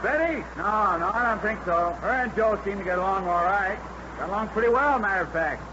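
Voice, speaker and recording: In a piece of 1950s radio drama acting, a high-voiced American man plays a chatty, obliging foreman at an aircraft plant, an ordinary working guy. He sounds expressive, brisk, and helpful. The audio is muffled like an old radio, with a noisy factory behind him.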